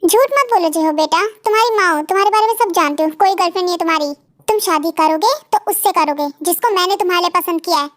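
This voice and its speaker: A woman's voice: extremely high pitch, racing, fairly bright tone, no room sound. A woman voicing a strict mother who bossily scolds her son about marriage, in an amateur fan drama. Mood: bossy. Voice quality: bossy, scolding. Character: strict scheming mother pushing son to marry.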